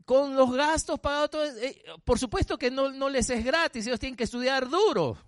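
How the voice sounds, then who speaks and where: A man's voice: extremely high pitch, a little fast, no room sound, studio quality. A male pastor preaching a sermon, emphatic, often asking the congregation questions.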